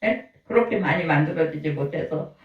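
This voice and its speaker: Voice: medium pitch, animated, a little fast, lo-fi sound. A pastor in their sixties giving a conversational sermon, often asking the congregation questions. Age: 60s. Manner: folksy, asks the congregation questions. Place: church sanctuary. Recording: roomy echo, voice from far off.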